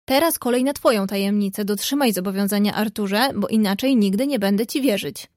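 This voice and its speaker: A woman's voice: mid-range voice, fairly quick, no echo, clean studio sound, lightly acted. A woman doing a spirited outspoken young woman. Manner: lively, outspoken.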